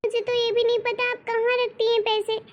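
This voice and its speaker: A woman's voice: very high voice, level tone, a little fast, highs cut off. A woman voicing a polite, meek young daughter-in-law in a cartoon story. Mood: pleading. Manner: polite and pleading. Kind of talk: cartoon voice acting.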